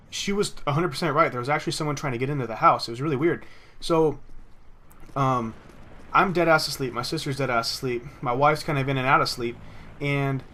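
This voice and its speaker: A man's voice: on the high side, bright, forceful tone, slight background noise. A young man telling a personal story in a rambling, profane way while commenting on his gameplay. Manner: rambling, profane, with many restarts. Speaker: gaming commentator. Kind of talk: casual storytelling over gameplay.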